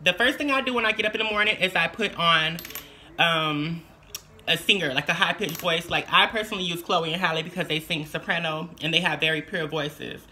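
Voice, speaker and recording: A woman's voice: fairly low pitch, bright, forceful tone, a little hiss or hum. A young adult woman vlogger giving casual tips, chatty and repeating phrases for emphasis. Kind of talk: casual tutorial chat.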